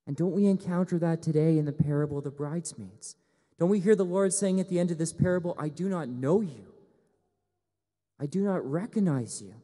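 A man's voice: a little high, dark tone. A young man, a priest, preaching an earnest sermon at a lectern, speaking into a headset mic. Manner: earnest, gesturing, rising to emphatic appeals. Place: church sanctuary at a lectern, indoors. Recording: long church reverb.

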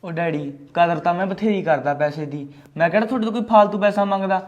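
A man's voice: sits high, quick pace, muffled recording, close to an everyday voice. A man playing a sulky young son who answers his father defensively. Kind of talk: short film acting.

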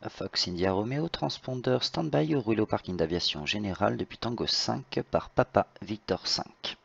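Gravelly, low-pitched male tower controller. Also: expressive, moderate pace, a bit bright. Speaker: tower air traffic controller in online flight simulation. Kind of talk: procedural radio instructions with informal asides. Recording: slightly dull lo-fi voice-chat audio.

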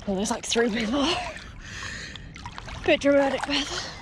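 A woman's voice: high-pitched, lively intonation, unhurried. A woman chatting casually to camera outdoors by a lake, giggly and swearing now and then. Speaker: vlogger. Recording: outdoor noise behind voice.

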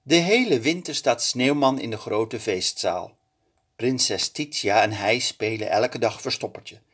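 A man narrating a children's picture book aloud. He reads slowly and expressively, with lively pitch shifts and a mid-range voice. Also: husky. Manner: slow, expressive storytelling. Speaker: storyteller.

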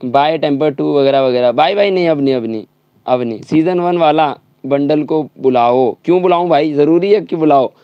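A young male game streamer rants angrily at the screen, swearing freely through a slightly sore throat. His voice sits on the high side. The sound is dull and dry, like a cheap mic close in a small room. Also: moderate pace, dry recording. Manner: angry, swearing, ranting. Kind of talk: live gaming stream chat.

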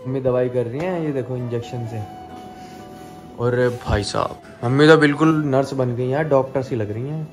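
A young man filming a casual family vlog at home, coaxing children and a pet cat in a playful, gentle way. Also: medium pitch, fairly quick, hardly any pauses. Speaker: vlogger filming family pets. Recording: music playing under the voice.

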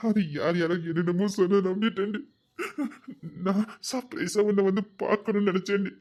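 A woman's voice: mid-range voice, fairly even intonation, fairly quick, a little mellow, natural voice. Woman acting as a remorseful young husband, tearful, pleading, apologizing again and again, audio drama.

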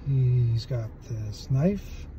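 Very slow and relaxed, a man in his forties chats about a toy from his parked car in a mid-range voice, leaning heavily on fillers. He films on a phone camera at arm's length. The recording is muffled, with a little hiss or hum.

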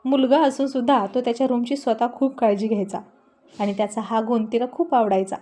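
Woman, storyteller, serialized narration, expressive, warm mellow voice. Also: a little high, brisk. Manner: expressive, acts out all characters.

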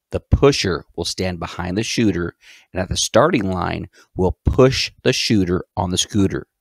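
A man hosting a physical education channel, explaining the rules of a game step by step in a clear voice-over. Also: sits low, a little mellow, dry recording. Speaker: PE teacher and channel host. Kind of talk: instructional voice-over.

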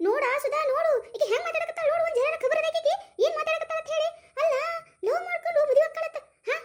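A woman's voice: very high voice, racing, pitched above the performer's own voice. A woman voicing a fussy village mother who scolds her daughter about a marriage match, in a North Karnataka Kannada accent. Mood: exasperated. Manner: scolding, exasperated. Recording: roomy echo.

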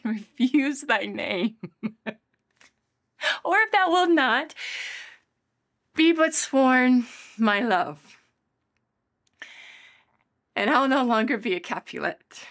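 A lovestruck young heroine, played by a woman, in classical stage acting. Her voice sits a little high and moves extremely slowly, with deliberate theatrical pauses. She is yearning and playful, breathing sighs into the Shakespearean verse. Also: very animated, fairly bright tone, heavily acted. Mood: playful pleading. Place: indoors, dark plain studio, filmed.

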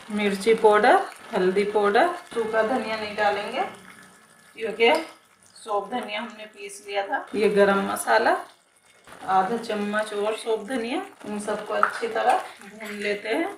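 Woman home cook, calm step-by-step demo, roomy kitchen echo, pan sizzling faintly behind. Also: medium pitch, a little slow, a little hiss or hum. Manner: calm, plain step-by-step explaining with repeated phrases. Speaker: home cooking channel host. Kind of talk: step-by-step cooking demonstration. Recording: echoey kitchen with cooking sizzle. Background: frying sizzle and stirring clicks.

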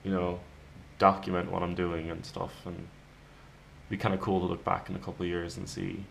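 Tired guy in his 20s doing a laid-back vlog, deep gravelly voice, rambles a bit. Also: monotone, a little hiss or hum, poor audio. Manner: tired, low-key, rambling with pauses. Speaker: daily vlogger. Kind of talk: casual vlog chat to camera. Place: home kitchen-living room, indoors. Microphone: camera at arm's length.

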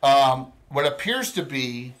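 A man's voice: medium pitch, animated, takes it slowly, fairly bright tone. A man refereeing a tabletop game as game master, casual and blunt in his talk.

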